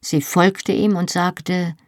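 A woman narrating a novel in a calm, measured storytelling voice. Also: lowish voice, no echo, studio quality. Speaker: audiobook narrator. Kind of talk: scripted narration.

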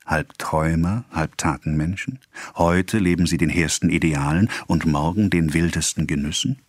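A man voicing a brooding male seducer, speaking low and hushed in an audiobook reading. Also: normal speed, dry recording, studio quality. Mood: intimate.

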